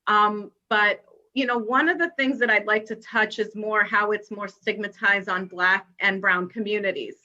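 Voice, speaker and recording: A woman's voice: mid-range voice, fairly even intonation, normal speed, bright, forceful tone, lo-fi sound. A woman from the Dominican Republic leading a panel discussion, speaking hesitantly with many fillers and restarts.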